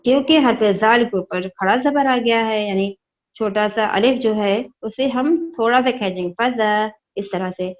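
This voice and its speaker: A woman's voice: a little high, moderate pace, dull audio. A woman teaching children Quran recitation in an online class, patiently spelling out each sound and asking them questions. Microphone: online class, own mic.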